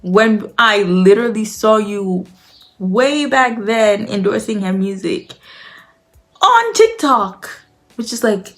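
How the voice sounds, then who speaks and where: A young woman hosting casual drama commentary, chatty, swearing freely and stacking filler words as she recaps. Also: lowish voice. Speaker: commentary host.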